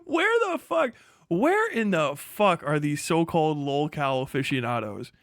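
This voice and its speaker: A man livestreams casual reaction commentary in a fairly high, somewhat bright, sing-song voice at a measured pace. He swears freely, mocks things, and laughs often while talking. The sound is clean studio audio with no room sound.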